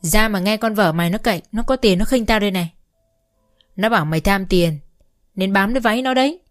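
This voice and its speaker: This is a foul-mouthed older village mother-in-law who scolds and wails with abuse, put on by a woman narrator. She speaks at an ordinary pitch. The character comes from a spoken storybook. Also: fairly quick, close to an everyday voice. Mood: angry scolding. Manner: crude, abusive shouting.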